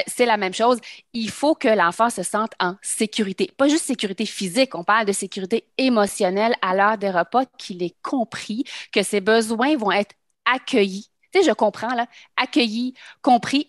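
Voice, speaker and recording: A woman with a Québécois French accent, co-hosting a podcast as a pediatric dietitian, talking thoughtfully and pausing to find her words. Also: medium pitch, no room sound, studio quality. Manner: thoughtful, searches for words with fillers. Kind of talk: casual podcast chat.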